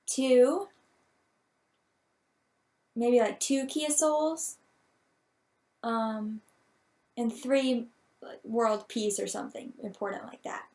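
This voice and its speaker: A woman's voice: a little high, slow pace, pauses often, darkish tone. A woman vlogger answering viewer questions at home, in a playful, rambling, jokey casual chat. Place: at home, talking to her cat.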